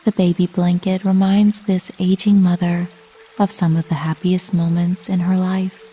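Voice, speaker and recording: In a lowish, slightly rough voice, a woman reads a scripted sleep meditation in the manner of a bedtime story. Her delivery is measured, calm, and soothing, and she leaves long pauses.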